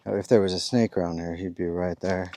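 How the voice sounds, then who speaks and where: Low-voiced guy chatting as he walks a trail outdoors, laid back, rambly. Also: steady tone, fairly quick, darkish tone, slight background noise. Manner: rambling, easygoing, with chuckles; talking while walking. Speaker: thru-hiker vlogger. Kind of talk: casual walking vlog.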